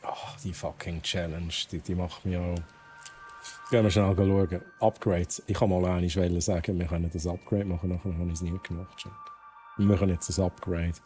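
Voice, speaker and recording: A man's voice: low voice, little pitch movement, moderate pace, dark tone, soft background music. Chatty Swiss German male streamer. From Switzerland. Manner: chatty, laughs a lot, reads game text aloud. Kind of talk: casual gameplay commentary.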